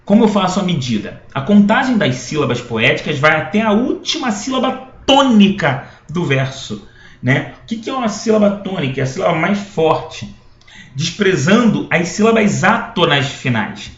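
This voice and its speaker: A Brazilian man teaches a poetry lesson, talking students through each point and often checking that they follow. His voice sits a little high for a man. The sound is dull and lo-fi, with a roomy echo around it. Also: sing-song, moderate pace. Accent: Brazilian Portuguese. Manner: explanatory, with frequent checking tags and restarts. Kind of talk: recorded classroom lecture. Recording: echoey room, dull lo-fi sound.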